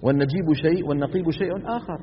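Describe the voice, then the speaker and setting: A man's voice: a little high, racing. Guy teaching a class, keeps checking they follow, long hall echo, faint hiss under it. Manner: explains by example, often checks the class with "انتبهنا؟". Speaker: Quran recitation teacher. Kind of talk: classroom lecture. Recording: dull lo-fi lecture recording in a reverberant hall with faint noise.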